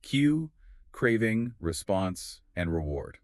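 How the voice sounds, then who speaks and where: A very deep male voice that rises and falls expressively as he co-hosts an explanatory podcast. He speaks with confidence and lays out ideas in clear steps. The sound is dry and close, with no room around it. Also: sing-song, takes it slowly, no echo. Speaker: podcast co-host.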